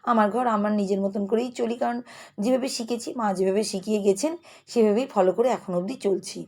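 Woman, fast, chatty, mellow husky voice, home vlog. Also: on the high side. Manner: fast, chatty, restless talker. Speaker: lifestyle vlogger. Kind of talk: casual vlog narration. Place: home kitchen.

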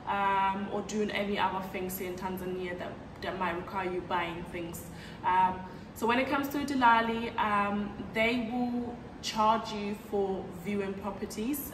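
A young woman from Ghana talks through a casual advice vlog, chatty and loose, with many "um" fillers. She sits back from the camera's mic, so her voice sounds distant in a roomy, echoing space. A steady hiss runs behind her. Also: medium pitch. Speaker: vlogger. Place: bright living room, on a sofa by a large window. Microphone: fixed camera at a distance.

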